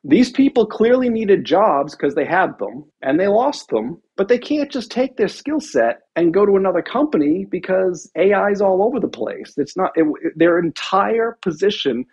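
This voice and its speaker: Husky, lively commentary voice. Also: mid-range voice, moderate pace, few pauses, muffled recording. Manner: lively, storytelling, restarts, wry laughs. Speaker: video host. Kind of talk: casual commentary.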